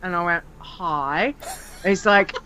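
A woman's voice: mid-range voice, lively intonation, normal speed, crowd noise, low-quality recording. A woman from Australia co-hosting a casual gaming podcast, chatty and laughing often. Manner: chatty, laughs often, acts out in-game dialogue. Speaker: podcast co-host. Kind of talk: casual chat about a video game.

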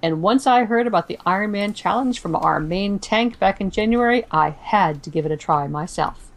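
A woman co-hosting a casual gaming podcast, briskly reading listener answers aloud. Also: medium pitch, lively intonation. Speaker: podcast co-host.

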